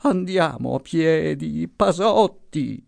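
A man's voice: a little high, expressive, slow, creaky, darkish tone, no room sound, voice pushed up, heavily acted. A man putting on a feeble, quavering old woman. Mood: pleading. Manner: plaintive, moaning pleas. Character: frail elderly woman, timid and fearful. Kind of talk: audiobook character voice.

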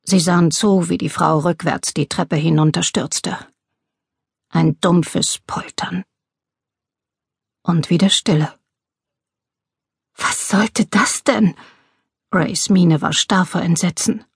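A woman reading a crime novel aloud in steady, measured audiobook narration. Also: on the low side, creaky, husky, no room sound, clean studio sound.

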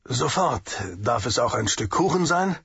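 A man's voice: mid-range voice, expressive, measured pace, gravelly, a bit bright, slightly rough, no echo, full character voice. A man voicing a harried middle-aged diner owner who grumbles and pleads, in a dull lo-fi audiobook recording. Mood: friendly.

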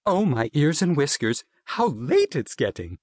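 A man's voice: on the high side, huge pitch swings, measured pace, darkish tone, no echo, clean studio sound, pitched above the performer's own voice, exaggerated voice. A man voicing a fretful, anxious rabbit in a hurry, for a storybook reading. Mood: flustered. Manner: fretting, anxious. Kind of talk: audiobook character acting.

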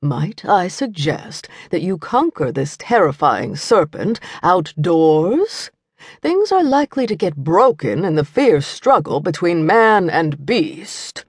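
A woman voicing an older, dignified man who speaks quietly with authority in an audiobook. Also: sing-song, husky, no echo, clean studio sound, exaggerated voice. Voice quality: low, measured, hushed.

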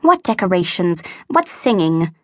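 A woman's voice: fairly low pitch, sing-song, unhurried, fairly bright tone, no echo. Brief: woman doing a bitter old spinster, snappish, dry studio read. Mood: scornful. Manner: curt, scornful. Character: disagreeable old spinster, sharp-tongued woman.

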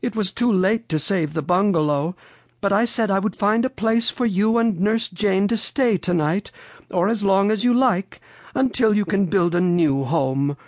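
A reader voicing Mother Goose, a kindly old storybook lady with a dramatic, drawn-out way of exclaiming. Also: mid-range voice, no echo, voice pushed up, natural voice. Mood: kindly, helpful.

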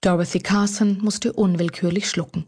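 Husky-voiced woman narrating an audiobook. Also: on the low side, steady tone, moderate pace, darkish tone.

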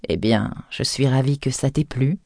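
An audiobook husband in middle age who grumbles in a dry, muttered way, read by a woman narrator. The voice is soft and dark, with no room sound around it. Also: very deep voice, normal speed, no room sound. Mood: polite.

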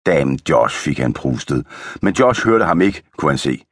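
Male narrator for kids' audiobook, low and husky, steady storytelling. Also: no echo, clean studio sound.

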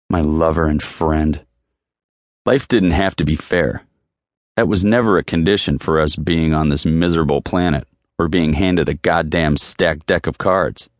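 A man's voice: low-pitched, dry recording, clean studio sound. A man narrating an audiobook in the first person, brooding and intense, leaning hard on repeated phrases. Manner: brooding and intense, with emphatic repetitions.

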